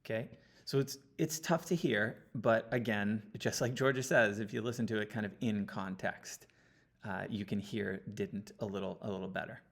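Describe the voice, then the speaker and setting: Guy with a lowish voice walking through audio analysis, keeps saying okay, close to his computer mic. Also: normal speed, creaky. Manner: explanatory, checks in with frequent "okay?". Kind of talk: screen-recorded audio analysis walkthrough. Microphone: computer mic, sitting close.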